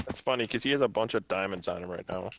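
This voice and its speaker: A man's voice: sits low, fast talker, a bit bright, a little hiss or hum. A man in a gaming voice chat making dry, needling remarks at his friends.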